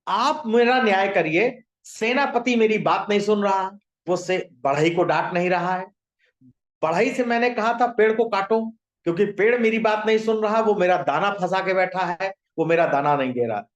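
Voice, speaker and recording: A tiny, stubborn sparrow, voiced by a man, pleads over and over in a fairly high voice for someone to hear her out. She sounds insistent and relentless. The storybook telling carries a roomy echo. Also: normal speed, lo-fi sound, close to an everyday voice. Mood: pleading. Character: small determined female sparrow seeking justice. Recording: echoey room.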